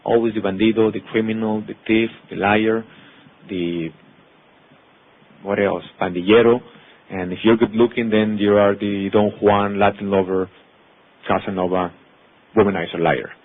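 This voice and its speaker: Pausing often at a normal speed, a man in his thirties from Mexico, a Spanish native, delivers earnest personal testimony to an audience as an actor and producer with a Mexican accent. His fairly low voice holds a steady tone, and he lists words in long runs. The recording sounds tinny, like a phone.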